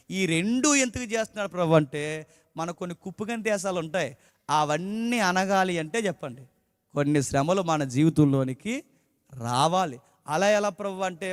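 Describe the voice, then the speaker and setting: A man's voice: sits high, no echo, clean studio sound, big-room sound. A man preaching a sermon emphatically, often putting questions to the congregation. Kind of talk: Telugu sermon.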